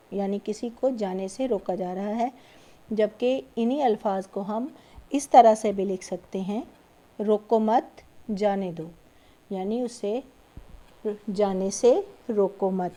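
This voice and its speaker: Woman teacher, warm dark tone, recorded lecture, patient, repetitive. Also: medium pitch. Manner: patient, repeats key points, frequent check-ins. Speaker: school teacher.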